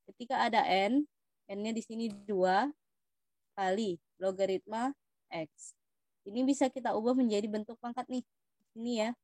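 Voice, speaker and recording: A young woman with an Indonesian accent tutors students, patiently working through math test questions and addressing them as "Dik." Her voice is mid-range and a little mellow, recorded without echo.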